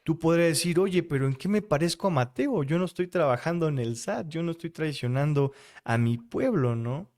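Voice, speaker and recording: A man's voice: on the high side, lively intonation, moderate pace, a little mellow. A man with a Mexican Spanish accent preaching a devotional sermon, speaking straight to the listener and posing rhetorical questions.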